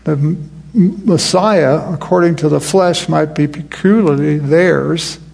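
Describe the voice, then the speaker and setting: A man delivers a sermon in an easygoing, conversational way, breaking off and restarting his phrases. His voice is slightly higher than most men's, with a gravelly edge and a husky texture. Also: slow, a little mellow. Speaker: preacher.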